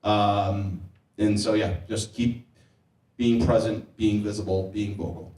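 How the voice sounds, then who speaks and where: A man who is a state legislator speaking at a panel, telling stories at a measured pace with pauses. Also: on the low side, little pitch movement, darkish tone. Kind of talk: conversational panel discussion. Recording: echoey room, mic heard from a distance.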